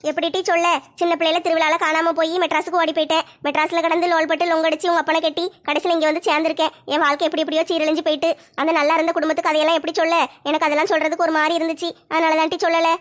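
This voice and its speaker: A woman playing a warm, talkative middle-aged policewoman, a long-lost sister, telling her story in a homemade comedy skit. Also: very high voice, little pitch movement, very fast, hardly any pauses.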